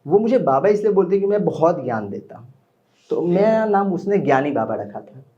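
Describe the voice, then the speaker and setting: A man's voice: sits high, very animated, moderate pace, dark tone, highs cut off. A young man telling a personal story at an open mic, chatting with the audience in between. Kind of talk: live storytelling performance. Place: small indoor open mic venue.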